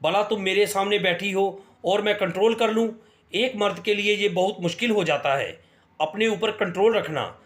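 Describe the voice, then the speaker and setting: A man's voice: high voice, normal speed, fairly bright tone, reverberant. A man voicing an angry, domineering young husband who talks in a harsh, scolding way in a spoken story. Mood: mocking.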